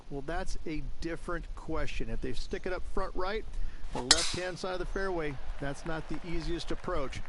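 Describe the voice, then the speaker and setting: A man's voice: fairly high pitch, fairly bright tone. A man playing an easygoing golf commentator and analyst who explains shots and strategy in a video game. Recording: faint outdoor ambient noise.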